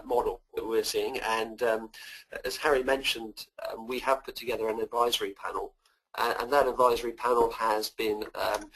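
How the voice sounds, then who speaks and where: A man with a West Country twang from the west of England presents a webinar by phone. His voice is husky and sits at an average pitch. He talks informally and haltingly, often doubling back on words as he goes. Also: low-quality recording. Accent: English West Country. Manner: hesitant, halting, repeats words. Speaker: software company presenter. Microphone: phoning in to a webinar.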